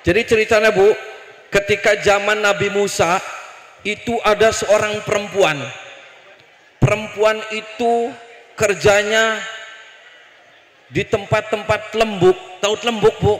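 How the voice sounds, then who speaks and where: High-voiced preacher. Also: male voice, reverberant, in a large hall. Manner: animated, addresses the women directly. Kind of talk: storytelling sermon to a crowd. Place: religious gathering.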